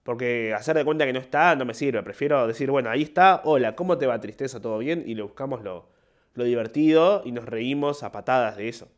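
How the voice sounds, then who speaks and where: A man's voice: mid-range voice, brisk. A young man with an Argentine Spanish accent, a podcast host and comedian telling stories in a rambling, self-mocking casual monologue. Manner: rambling, self-mocking, acts out short quoted voices.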